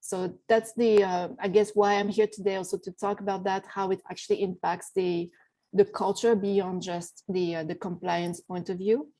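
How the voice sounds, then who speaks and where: A woman panelist from a development bank explaining things in a measured way, with small restarts, in a virtual panel discussion over a video call. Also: mid-range voice, flat delivery, mellow, poor audio.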